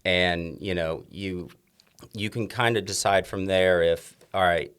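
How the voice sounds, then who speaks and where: A man's voice: deep voice, fairly even intonation, measured pace, a bit bright, clear, resonant tone. A man, a chef and restaurant owner, talking casually in a podcast interview, rambling with many restarts and fillers.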